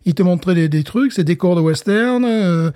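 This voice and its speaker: A man co-hosting a podcast in a relaxed, conversational way. His voice is somewhat high but mellow, and it sounds close and dry. He rambles and stumbles over repeated words as he goes. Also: normal speed, dry recording. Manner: rambling, repeats words while searching for them. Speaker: podcast co-host. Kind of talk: casual chat.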